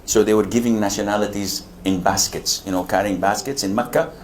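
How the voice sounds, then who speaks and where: A man's voice: lowish voice, steady tone, fairly quick, a crowd in the background. An older man from Saudi Arabia, an Islamic preacher answering audience questions with humor, now and then acting out other people's voices. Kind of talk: lecture Q&A.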